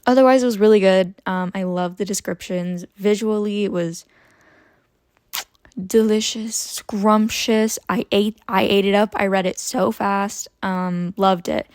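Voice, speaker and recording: A young woman in her twenties chatting casually about her book haul, expressive and prone to tangents. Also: medium pitch, measured pace, clear, resonant tone, no room sound. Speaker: book vlogger. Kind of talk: casual chat about books.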